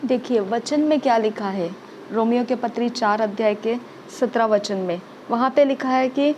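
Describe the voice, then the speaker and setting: In a fairly high, slightly mellow voice, a woman preacher delivers her sermon at a moderate pace, hammering points home through repetition and frequent "okay?" check-ins. Faint ambient noise lies beneath her.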